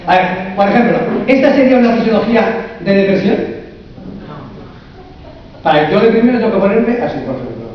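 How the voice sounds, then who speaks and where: A man's voice: sits high, animated, brisk, long pauses, slight background noise. A man, a coach and therapist giving a humorous live conference talk, asking the audience lots of rhetorical questions. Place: large echoey conference hall. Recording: echoey hall from far off, dull sound.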